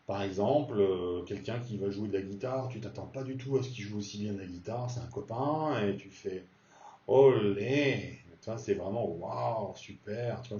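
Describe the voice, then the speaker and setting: A man teaching a casual beginner's language lesson, slowly repeating example words and explaining them patiently. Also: fairly low pitch, warm tone. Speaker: Spanish teacher. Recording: distant echoey dull recording.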